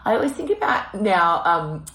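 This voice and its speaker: Sassy Australian woman with a cough-worn low voice. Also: big pitch swings, normal speed, fairly bright tone. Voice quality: husky drag-queen-like voice, damaged from coughing. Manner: sassy, theatrical, emphatic. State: voice damaged by weeks of coughing. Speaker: podcast host, singing performer. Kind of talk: casual chat. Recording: echoey room.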